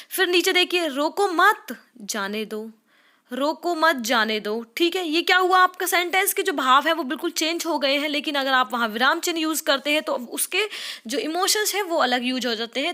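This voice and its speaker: A woman's voice: high voice, bright, forceful tone. A woman teaching an exam-prep lesson in a close voice-over, explaining patiently step by step. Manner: explaining patiently, often saying "dekhiye".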